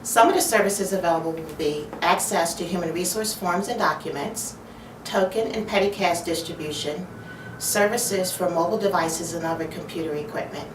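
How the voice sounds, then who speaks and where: A woman in human resources speaks fluently and smoothly, her voice slightly low. The room rings with echo, and background noise sits under her voice. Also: moderate pace. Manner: fluent, polished delivery. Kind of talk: interview talk for a corporate video. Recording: roomy, distant mic, background noise.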